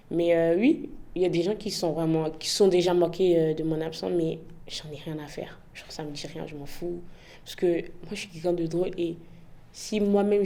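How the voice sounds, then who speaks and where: A woman's voice: lowish voice, gravelly, mellow. A young woman giving frank, impassioned interview answers, often tagging her points with "en fait". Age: young adult. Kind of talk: candid interview testimony.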